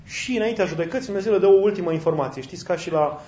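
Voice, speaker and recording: A man's voice: high-pitched, lo-fi sound, background noise. A man preaching a sermon in a conversational way, asking rhetorical questions and acting out short quotes.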